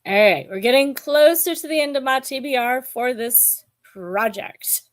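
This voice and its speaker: A woman in her forties chatting casually about books to camera, hesitant and musing, with many pauses and ums. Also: fairly high pitch. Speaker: book vlogger. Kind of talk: casual book chat to camera.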